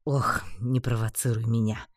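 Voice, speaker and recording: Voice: mid-range voice, level tone, moderate pace, no echo, close to an everyday voice. A reader voicing a sarcastic, mocking male mage mentor in an audiobook. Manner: dry, mocking.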